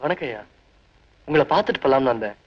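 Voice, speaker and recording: A man's voice: medium pitch, expressive, quick pace, lightly acted. A man acting in a comic film as a flustered, bumbling new postman in a village. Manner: flustered, yelping. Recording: dull, lightly hissy film soundtrack.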